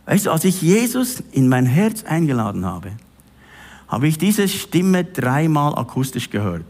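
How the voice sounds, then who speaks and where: A man's voice: on the high side, big pitch swings, measured pace, a little mellow. A middle-aged man preaching a sermon, addressing the listener directly and with emphasis.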